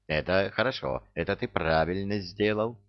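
A man voicing a stern, irritable tsar with a gruff, commanding manner, in an audiobook. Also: low voice, normal speed, no room sound, lo-fi sound.

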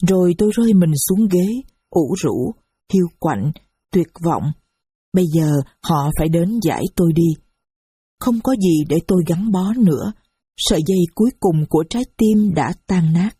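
A woman's voice: on the low side, expressive, moderate pace, warm tone, husky, no echo. A woman narrating a first-person story with a grave, sorrowful delivery. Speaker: audiobook narrator.

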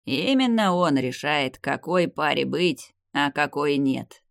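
A man reading the part of an old vampire clan head, the narrator's grandfather, in a grave, measured, weary manner. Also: a little high, lively intonation, creaky, a bit bright, dry recording, clean studio sound, exaggerated voice. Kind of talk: audiobook character reading.

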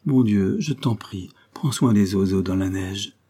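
A man voicing a pious young boy who speaks calmly and earnestly. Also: lowish voice, measured pace, breathy edge. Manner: calm, earnest.

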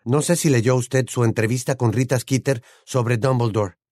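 A man's voice: medium pitch, fairly even intonation, moderate pace, a little mellow, no room sound, studio quality, close to an everyday voice. A man voicing a polite, earnest teenage boy wizard in an audiobook, asking direct questions. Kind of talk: audiobook character voice.

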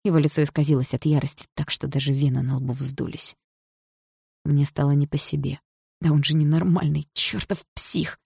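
A woman reading a first-person novel aloud in a quiet, measured way. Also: deep voice, fairly even intonation, gravelly, breathy edge, dry recording, clean studio sound. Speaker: audiobook narrator.

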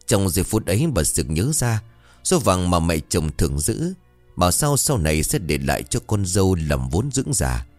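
Deep-voiced man telling a horror story. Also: normal speed, no room sound, faint music behind. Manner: suspenseful, expressive. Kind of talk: dramatic horror story narration.

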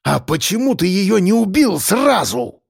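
A man's voice: sits high, big pitch swings, measured pace, creaky, husky, no echo, studio quality, voice pushed up, full character voice. A man voicing a furious, foul-mouthed middle-aged male mayor who bellows and bullies. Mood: raging. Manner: bellowing, cursing, bullying.

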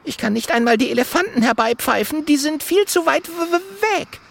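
A man's voice: very high voice, big pitch swings, normal speed, fairly bright tone, voice pushed up, heavily acted. A man voicing a frightened young male monkey who stammers with a trembling voice. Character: high-pitched stuttering young male monkey.

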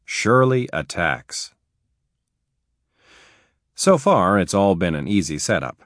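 A man reading nonfiction aloud as an audiobook narrator, telling cautionary stories in an emphatic, expressive way. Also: sits low, slow pace, dry recording, clean studio sound.

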